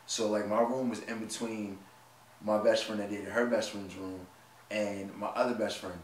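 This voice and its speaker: A man's voice: fairly low pitch, flat delivery, normal speed. A man in his twenties co-hosting a casual couples vlog, joking and laughing often as he tells stories. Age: 20s. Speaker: vlog co-host. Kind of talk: casual chat. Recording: echoey room, mic at a distance, faint noise.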